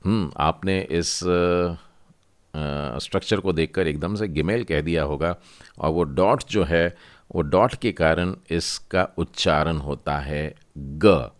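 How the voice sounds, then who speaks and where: A man's voice: low voice, slow. A man teaching a Hebrew lesson, explaining step by step and repeating each new term. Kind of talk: classroom lesson.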